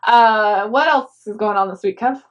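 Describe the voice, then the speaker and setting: A chatty young woman answers viewer questions in an easygoing, conversational way. She explains as she goes, sprinkling in frequent yeahs and ums, at a middle pitch. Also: normal speed, muffled recording. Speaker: co-host of a reselling channel.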